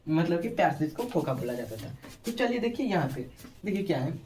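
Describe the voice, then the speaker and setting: A man's voice: fairly high pitch, very animated, brisk, a little mellow, a little hiss or hum. A man with a Bihari Hindi accent teaching an exam-prep lesson. He keeps asking short questions and repeating the answers for his students. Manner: repeats answers, quizzes listeners.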